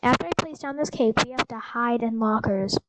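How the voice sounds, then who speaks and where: A woman hosting a gameplay video, chatting excitedly and explaining the game rules to a friend as they play. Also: on the high side, a little fast, heavy background noise. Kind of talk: casual gameplay chat.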